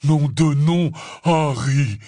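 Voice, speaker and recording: A man voicing a huge, big-hearted bearded half-giant gamekeeper who talks loud, breathless and gushing. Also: on the low side, steady tone, slow, husky, no echo, studio quality.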